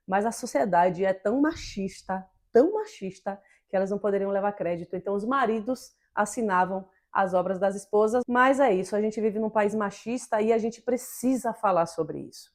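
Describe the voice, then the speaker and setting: A woman co-hosting an opinion talk show, speaking emphatically and indignantly and firing off rhetorical questions. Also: mid-range voice. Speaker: podcast co-host.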